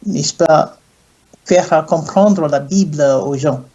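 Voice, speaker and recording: A middle-aged man from Ghana, an English speaker, answering interview questions in a slow, hesitant way with many pauses and fillers. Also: a little high, dark tone, muffled recording. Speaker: guest, clergyman and university French teacher.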